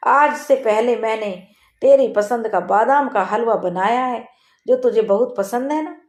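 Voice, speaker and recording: A woman voicing a bossy, doting middle-aged aunt in a folk tale, loud and fussing, in an echoey room. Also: a little high, measured pace, close to an everyday voice.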